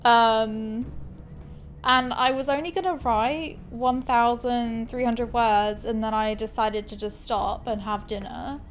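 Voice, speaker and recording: A woman's voice: on the high side, fairly even intonation, slow pace, a little hiss or hum. A woman hosting a gaming video, chatting casually and informally as she plays. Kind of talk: casual chat while playing a game.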